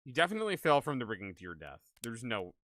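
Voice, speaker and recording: A man livestreaming a video game, chatting casually and excitably with viewers in an animated, exclaiming way. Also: mid-range voice, quick pace, no echo. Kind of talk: casual livestream gaming chat and commentary.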